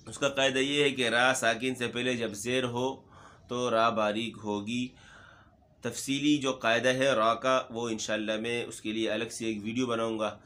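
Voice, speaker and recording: A man teaching Quran recitation, briskly and patiently explaining pronunciation rules to learners. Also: mid-range voice, sharp tone.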